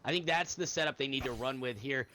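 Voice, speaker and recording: A man doing energetic play-by-play commentary on an esports match, calling the action in quick bursts. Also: medium pitch, a little hiss or hum. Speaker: esports caster.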